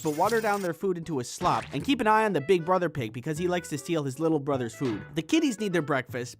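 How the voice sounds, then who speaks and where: Young guy doing a storytime cartoon voiceover, sarcastic, pitch all over the place, faint music behind. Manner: expressive and sarcastic, mimics other people. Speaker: storytime animator narrator. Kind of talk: animated storytime narration.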